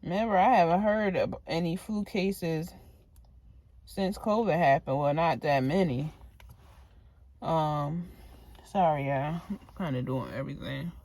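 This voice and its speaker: A woman's voice: low voice, measured pace, pauses often, darkish tone. A woman vlogger who works as a medical assistant, chatting casually with advice, rambling from topic to topic and sounding tired and a bit out of breath. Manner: rambling, drifting between topics. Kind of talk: casual advice talk to camera.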